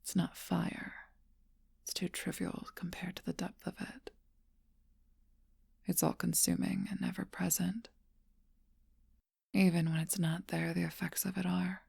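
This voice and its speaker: A woman plays a seductive, ageless, possessive vampire in an ASMR role-play, teasing slowly and intimately in a soft, breathy whisper. Her voice sits on the low side with a level tone, exaggerated in delivery and recorded dry.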